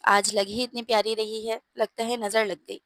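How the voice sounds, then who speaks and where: Woman doing kind middle-aged mother, gentle, coaxing, storybook, dry. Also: on the high side, flat delivery, normal speed, no echo. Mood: concerned.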